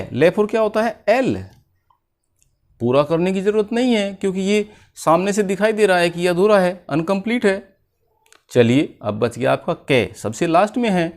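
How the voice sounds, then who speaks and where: Slow, lively Indian man teaching spelling. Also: sits high. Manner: slow, repetitive question-and-answer teaching. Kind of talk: spelling lesson for children.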